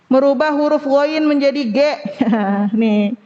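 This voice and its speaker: High-voiced woman teaching Quran recitation. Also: dark tone, in a large hall, muffled recording. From Indonesia. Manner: demonstrates Arabic sounds slowly between quick explanations. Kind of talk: Islamic study class on recitation.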